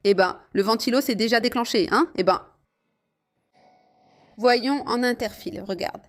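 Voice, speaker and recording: A woman's voice: fairly high pitch, a little slow. A woman riding a motorcycle in city rain, chatting and exclaiming to her viewers as she rides. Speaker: motovlogger. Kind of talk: casual riding commentary.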